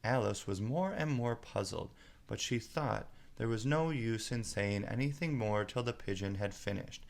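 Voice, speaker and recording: A man's voice: lowish voice, normal speed, gravelly. A man narrating a storybook aloud as a storyteller.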